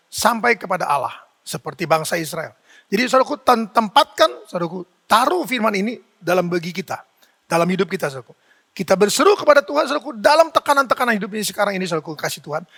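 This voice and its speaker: A man's voice: high voice, a bit bright. A man preaching a fervent sermon as pastor, calling out to the congregation over and over. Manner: fervent preaching, repeating the address to the listeners. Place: church hall. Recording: church sermon with long hall reverb.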